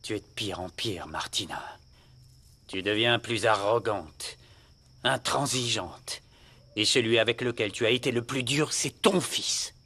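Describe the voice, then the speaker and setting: A man's voice: lowish voice, measured pace, bright, forceful tone, slightly rough, full character voice. A man in a dubbed telenovela, speaking in an earnest, reproachful way. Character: grave middle-aged man, reproachful husband.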